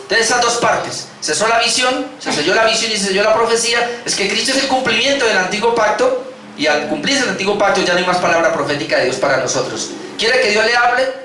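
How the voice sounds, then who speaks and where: Emphatic Colombian pastor in echoey hall. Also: male voice, high voice, expressive, fast, bright, forceful tone, a little hiss or hum. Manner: emphatic, repeats key words, addresses listeners as brothers. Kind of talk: sermon. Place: church hall. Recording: echoey church hall, mic from a distance.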